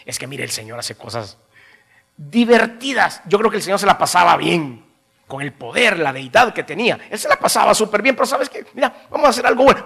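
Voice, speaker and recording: A man preaching a sermon in an animated way, asking his congregation questions and chuckling between phrases. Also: high voice, creaky, slightly rough.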